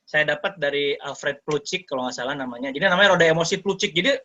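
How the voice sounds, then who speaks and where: Lively man teaching over a dull call line. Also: on the high side, fast. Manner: lively, mixes in English terms, acts out quoted parents. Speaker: educator giving a talk. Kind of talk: online sharing session talk.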